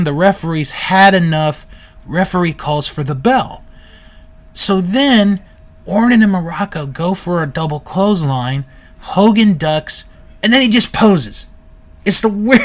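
A man giving a casual, relaxed recap of a video, often correcting himself and filling pauses with "um" and "uh.". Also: sits high. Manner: relaxed, self-correcting with frequent fillers. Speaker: video reviewer.

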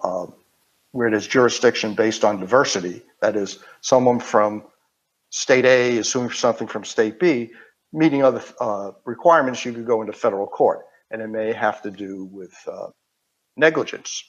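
Older man with a thick-voweled Queens accent. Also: lowish voice. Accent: Queens, New York. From Queens, New York. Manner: halting, digressive explaining. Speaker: interview guest. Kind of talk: informal technical explanation. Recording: dull, band-limited audio.

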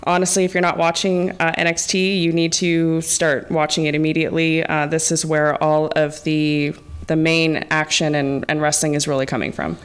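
A woman's voice: sits low, level tone, moderate pace, clean tone. A woman co-hosting a podcast in an echoey room, chatting casually about wrestling. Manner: giggly, nervous. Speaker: podcast co-host.

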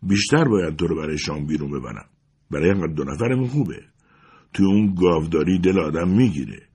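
A man's voice: low voice, expressive, darkish tone, breathy edge, exaggerated voice. A man reading the part of an awkward, hearty rancher husband in a story. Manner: fumbling, hearty.

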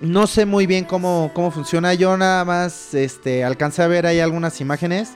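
Mexican guy slangy n relaxed, kinda high voice, faint music behind. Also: moderate pace. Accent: Mexican Spanish. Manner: slangy, laid-back, says "güey" constantly. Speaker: podcast co-host. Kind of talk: casual chat.

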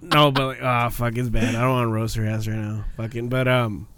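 A man's voice: mid-range voice, level tone, a little fast, a crowd in the background. A man in his twenties chatting casually like a frat bro, telling crude, slangy stories full of swearing. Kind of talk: casual chat, swearing storytelling.

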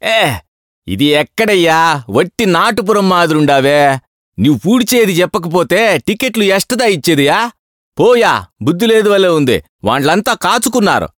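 A man's voice: a little high, expressive, slow, pauses often, a bit bright, clear, resonant tone, no echo, clean studio sound, voice pushed up. A man voicing an irritable male ticket clerk who scolds in a rustic dialect. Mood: scolding.

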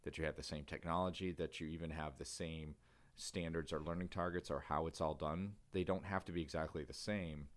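Man, very low voice, casual podcast co-host, rambling chat, restarts sentences. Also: fairly even intonation, fairly quick.

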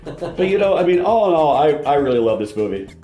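A man's voice: a little high, fast, muffled recording. A man co-hosting a podcast, chatting casually about a movie and acting out quotes as he retells scenes. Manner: animated retelling, acts out quotes. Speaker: podcast co-host. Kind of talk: casual movie review chat. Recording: roomy echo.

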